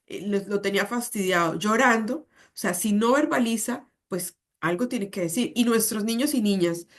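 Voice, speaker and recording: A woman psychologist, giving a conversational talk on parenting full of rhetorical questions. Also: mid-range voice.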